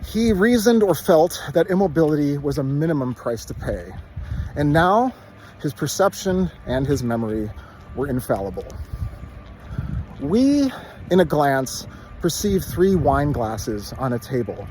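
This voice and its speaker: A man reciting a literary text by rote from memory, in short measured phrases. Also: fairly high pitch, big pitch swings, dark tone, slight background noise, low-quality recording.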